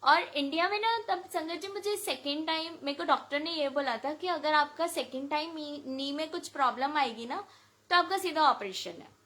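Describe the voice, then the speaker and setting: A woman from India giving an emotional, animated personal testimony at a devotional gathering, acting out much of the dialogue as she recounts it. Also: high-pitched, normal speed. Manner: emotional, animated retelling with lots of quoted dialogue. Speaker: devotee sharing a testimony at a satsang.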